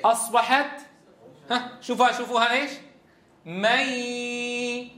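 Bright-voiced man teaching Quran recitation. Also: high voice, expressive, fairly quick, reverberant. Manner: demonstrates sounds, drills students with repeated questions. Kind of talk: tajweed lesson.

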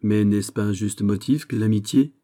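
A man reading an audiobook, voicing a haughty, sharp-tongued young princess with ironic, exasperated questions. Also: fairly low pitch, steady tone, moderate pace, natural voice. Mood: imperious.

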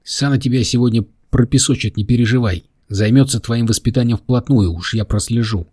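A man's voice: mid-range voice, a little fast, a little mellow, breathy edge, no room sound, studio quality, natural voice. A man voicing a blunt young man. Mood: wry.

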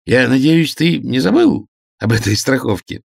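A man's voice: mid-range voice, sing-song, moderate pace, creaky, dry recording, clean studio sound, pitched above the performer's own voice, heavily acted. A man voicing an agitated, scheming man who pleads with an old friend in a shaky voice. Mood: anxious.

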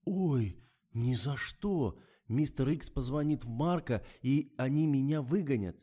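A man's voice: mid-range voice, lively intonation, a little slow, mellow, breathy edge, voice pushed up. A man voicing a frightened young woman heroine in an audiobook, talking in a breathless, pleading way. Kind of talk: audiobook character voice.

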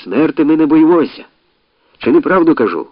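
A man voicing a hot-headed former prisoner who gives a shrill, squeaky, impassioned speech to a crowd. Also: very animated, brisk, dry recording, highs cut off. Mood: impassioned shouting. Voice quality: squeaky, mouse-like. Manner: shouting, impassioned.

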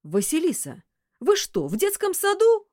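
A woman's voice: medium pitch, very animated, normal speed, a little mellow, dry recording, clean studio sound, pitched above the performer's own voice, lightly acted. Woman reading as a stern male boss. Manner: reproachful, stern. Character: stern male boss, cold then furious.

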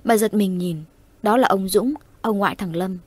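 A woman narrating a ghost story in a steady storytelling voice. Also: mid-range voice, moderate pace, breathy edge, dry recording. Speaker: audiobook narrator.

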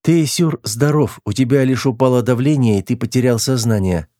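Male reader as calm female android who reports facts flatly; higher than his own voice, dry. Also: normal speed, no echo, natural voice. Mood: matter-of-fact. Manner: level, matter-of-fact reporting. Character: female android crew member, calm and truthful.

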